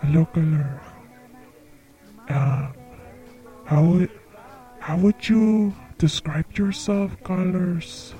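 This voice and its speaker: A man hosts a comedic psychic call-in show, taking his time over every word. His voice is soft-spoken and earnest, and it sits very dark and mellow. His pitch is a touch higher than most men's. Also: extremely slow, pauses often, faint music behind, low-quality recording. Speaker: psychic radio show host.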